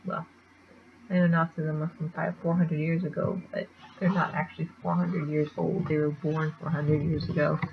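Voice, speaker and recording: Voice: mid-range voice, little pitch movement, normal speed, gravelly, highs cut off, noisy background. A speaker casually recapping a comic chapter in a rambling way, with lots of fillers and restarts. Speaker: manga chapter reviewer.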